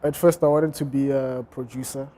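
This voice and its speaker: Guy in an interview, mellow voice, lots of uhs and restarts. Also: mid-range voice, steady tone, moderate pace. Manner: hesitant, many fillers and restarts. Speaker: fashion designer, interview guest. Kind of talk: casual interview answers.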